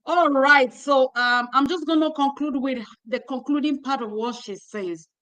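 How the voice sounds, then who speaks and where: A woman, her voice set a little high, urges her young listeners on with preacherly repetition. She hosts a ministry livestream, speaking into a phone held in her hand. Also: measured pace, fairly bright tone, low-quality recording. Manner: exhortative, preacherly, repeating phrases. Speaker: host. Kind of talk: closing remarks on a livestream.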